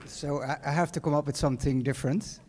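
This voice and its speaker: A middle-aged Dutch guest speaker from the Netherlands gives a casual, rambling graduation speech in a large hall, packed with fillers and restarts. His voice is a little high and darkish, his intonation fairly even, and he talks quickly in a conversational way.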